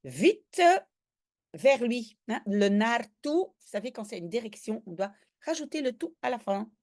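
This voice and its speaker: Slow, lively Flemish-accented woman teaching. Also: a little high. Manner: lively, with animated bursts when voicing characters' cries. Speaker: language teacher. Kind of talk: reading a comic aloud and translating line by line.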